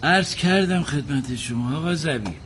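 A man's voice: on the high side, a bit bright, husky. An actor playing a male inn worker who politely and defensively answers a theft accusation. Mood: explaining.

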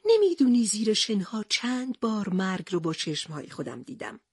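A woman's voice: mid-range voice, sing-song, slightly rough, no echo, clean studio sound. A woman voicing a young male reporter hero in a storybook, earnest and plaintive.

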